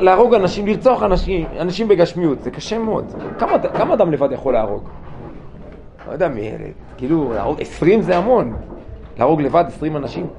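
A man giving an informal Torah class to yeshiva students, asking them questions and joking as he teaches. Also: sits high. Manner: lively, asks students questions, jokes. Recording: dull lo-fi room recording with faint noise.

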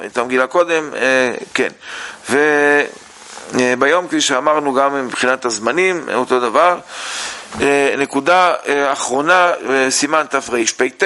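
A man teaching a lesson on religious law, reading sources aloud and explaining them with many pauses and fillers. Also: mid-range voice, bright, forceful tone. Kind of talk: halakha lesson.

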